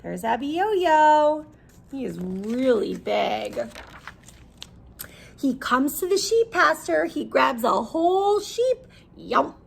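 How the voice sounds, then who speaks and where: Her voice sits high, sing-song and gravelly, as this teacher expressively reads a picture book to young children. Now and then she pauses to put things into simple words for them.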